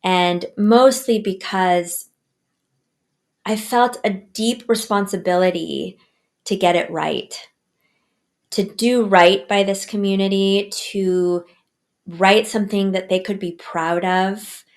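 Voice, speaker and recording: An unhurried woman talks as a guest author, answering earnestly and with care. Her phrasing is measured, with small pauses and restarts as she thinks. Her pitch sits in a middle register. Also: steady tone. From United States. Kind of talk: interview answers.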